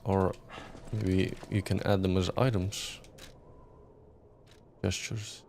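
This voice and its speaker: Low, creaky-voiced male game streamer. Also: level tone, takes it slowly, darkish tone, a little hiss or hum. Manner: musing, thinking aloud. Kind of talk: casual game playthrough commentary, reading text aloud.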